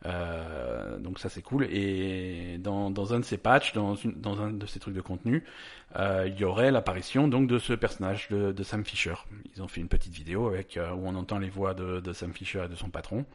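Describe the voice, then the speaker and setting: Speaking at a normal speed in a low voice, this young adult man presents the news as co-host of a laid-back gaming podcast. His delivery rambles, with false starts and jokey tangents.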